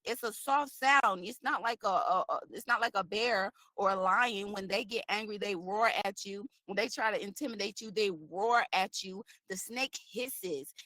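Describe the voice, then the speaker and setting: A woman's voice: medium pitch, sharp tone, no room sound. A woman coach giving an informal devotional talk to women, conversational and preachy, often checking in with "right?". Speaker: faith-based women's coach.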